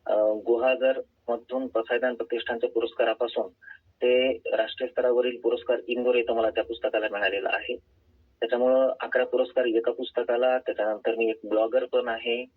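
Husky man calling in by phone. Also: medium pitch, little pitch movement, brisk. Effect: heard over a phone line. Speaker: author and poet, guest caller. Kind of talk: phone-in interview answers. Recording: tinny phone line.

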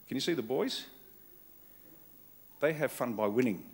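Punchy Australian man giving a rousing speech. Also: mid-range voice. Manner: punchy, emphatic, short repeated phrases. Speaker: keynote speaker. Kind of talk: rousing political keynote speech. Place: conference hall stage. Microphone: podium microphone on a stand.

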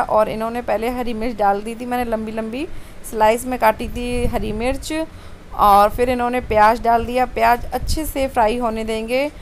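A woman's voice: on the high side, a little hiss or hum. A woman vlogger chatting casually over home video of her kitchen, homely storytelling with many fillers.

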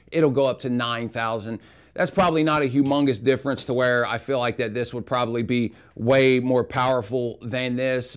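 Male tool reviewer, casual and frank, recorded in a home garage. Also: mid-range voice. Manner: relaxed, rambling, frank opinions.

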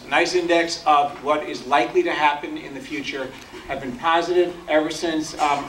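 A middle-aged man speaks at a podium in a large function hall, walking an audience through economic charts. His voice is mid-pitched and explanatory, with steady ums between points. It is recorded from out in the room, so it sounds distant and echoey, with faint ambience behind it. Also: slight background noise. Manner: explanatory, plain-spoken with frequent ums. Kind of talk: business presentation talk. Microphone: podium mic, filmed from the audience.

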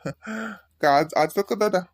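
A woman's voice: medium pitch, takes it slowly, no room sound, studio quality. A woman playing a caring, easygoing uncle who reassures and teases in a comedy sketch. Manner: reassuring, teasing. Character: caring middle-aged uncle, teasing and easygoing.

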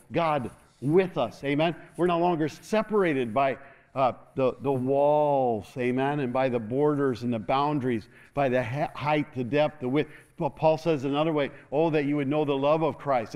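Middle-aged pastor preaching on a church stage, fairly high voice, lots of amens, moving around a lot. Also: male voice. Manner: animated, moves about the stage, call-and-response asking "amen". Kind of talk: sermon. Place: large church stage, indoors.

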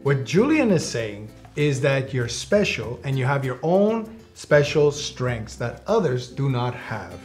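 A man in his forties plays mediator in a children's sketch. He explains things in an encouraging way, with lively, swinging intonation. Faint music sits behind him. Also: medium pitch, measured pace, few pauses. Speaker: father and mediator in children's show. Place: studio, seated at a table.

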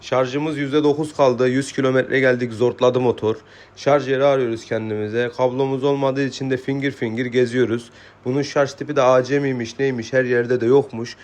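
A man with a medium-pitched voice narrates a motovlog. His delivery is casual and informal, full of slang. He moves along in short, clipped sentences. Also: fairly even intonation, moderate pace, darkish tone.

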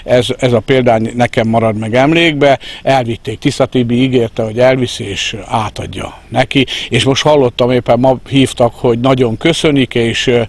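A man in his fifties giving an interview in a halting, hesitant way into a handheld microphone. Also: medium pitch, fairly even intonation. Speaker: fan club organiser, interviewee. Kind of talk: interview talk. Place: outdoors in a park. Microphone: handheld reporter microphone. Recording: outdoor park ambience, faint noise.

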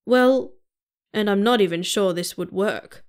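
A woman's voice: mid-range voice, a little slow, clear, resonant tone, close to an everyday voice. A woman voicing a cool-headed Martian first officer. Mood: dry.

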